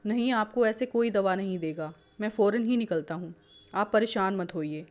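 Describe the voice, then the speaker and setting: A woman's voice: mid-range voice, normal speed, lightly acted. A woman voicing a male family doctor in a storybook, composed and reassuring. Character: calm family doctor, a man. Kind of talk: storybook character voice.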